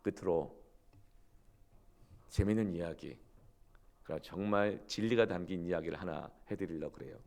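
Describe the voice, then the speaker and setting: A man's voice: deep voice, gravelly. A male pastor from South Korea preaching a sermon in an emphatic storytelling manner.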